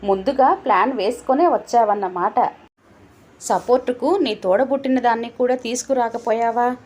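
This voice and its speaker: A woman voicing a suspicious, sharp-tongued old father who taunts his family, in a storybook reading. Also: a little high, moderate pace, lightly acted. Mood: bitter taunting. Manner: scolding, taunting.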